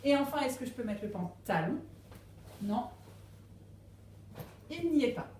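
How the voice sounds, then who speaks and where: A woman teaching a phonics lesson to young children at a distance, speaking slowly and patiently and stressing each syllable. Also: a little high, lively intonation, a little mellow, echoey room, slight background noise. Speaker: primary school teacher. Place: classroom with a board.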